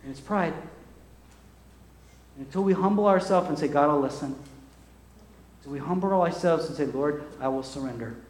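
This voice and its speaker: A middle-aged man preaching a sermon as a pastor. He tells a lively story full of small acted asides, then leads a quiet, soft-spoken prayer. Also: on the high side, moderate pace, long pauses. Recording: roomy hall with faint ambience.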